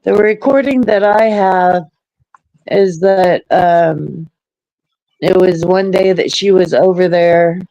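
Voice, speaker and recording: A man in his forties in a casual group chat, recounting events in a halting way. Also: high-pitched, vocal fry, mellow, no room sound, highs cut off. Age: 40s. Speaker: panel guest.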